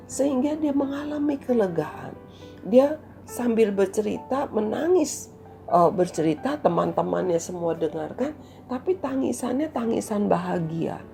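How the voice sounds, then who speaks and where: A woman who used to teach gives a children's daily devotional talk, gently telling a story. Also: mid-range voice, vocal fry. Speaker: devotional speaker and former teacher.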